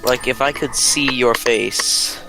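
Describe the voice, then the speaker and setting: A man's voice: mid-range voice, slow pace, creaky, pushed and bright, soft background music, poor audio. A man co-hosting a casual podcast over a voice call. He rambles and fills his talk with "like". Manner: rambling, lots of "like". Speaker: podcast co-host. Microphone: voice-call mic.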